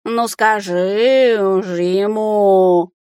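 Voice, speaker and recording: A loud, self-important male cat familiar yowls his complaints in a high, strained voice, as a woman narrator puts him on. The sound is dry and close, with no room around it. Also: steady tone, very slow, clean tone, dry recording. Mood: indignant yowling. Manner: yowling, indignant.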